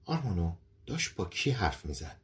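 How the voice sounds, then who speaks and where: A man's voice: low-pitched, sing-song. A man voicing a worried wife who insists she heard someone, in an audiobook story. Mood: uneasy.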